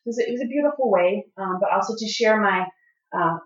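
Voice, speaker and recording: Heard from a distance in a dull, roomy recording, this medium-pitched woman talks at a quick pace. She is a middle-aged Chicago-area guest who speaks English and Italian, and she chats earnestly in a casual interview, full of fillers and restarts.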